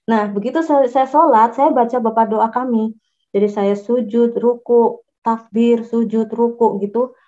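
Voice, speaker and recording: A woman recounts her personal testimony in a fairly high voice. She pauses, restarts and fills gaps as she goes. The recording sounds dull and lo-fi. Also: steady tone, mellow. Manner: halting, with many restarts and fillers.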